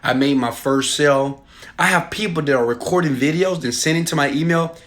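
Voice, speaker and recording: Speaking briskly with a somewhat bright voice, a man acting as an online marketer addresses the viewer directly with a forceful, insistent motivational pitch to buy.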